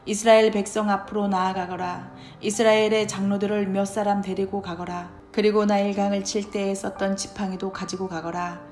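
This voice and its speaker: Woman voicing God in a children's Bible reading, steady solemn commands, roomy sound with music under it. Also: mid-range voice, lightly acted.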